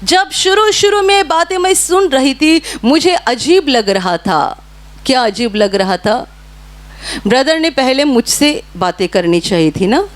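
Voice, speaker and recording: Woman preaching, high pitched, earnest, keeps saying hallelujah. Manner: earnest storytelling with repeated hallelujahs. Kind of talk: sermon.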